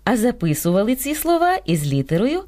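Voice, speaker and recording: A woman co-hosting a radio program, reading a script in a clear, measured way. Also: on the high side, sing-song, dark tone, no room sound. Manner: clear, measured explanatory delivery. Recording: dry radio studio with faint music.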